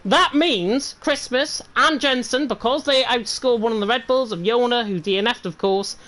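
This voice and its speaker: A woman's voice: a little high, normal speed, fairly bright tone, poor audio. A woman commentating live on an online racing league, chatty and upbeat as she runs through the results. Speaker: race commentator. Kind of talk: live esports race commentary.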